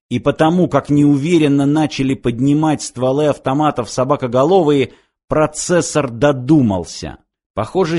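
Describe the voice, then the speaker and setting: A man narrating an audiobook in an even, measured storytelling manner. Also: fairly high pitch.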